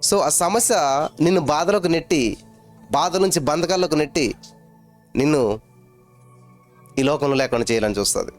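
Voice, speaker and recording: Male pastor, slightly higher voice, emphatic repetitive preaching with rhetorical questions, faint music underneath. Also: expressive, moderate pace, pauses often. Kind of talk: sermon.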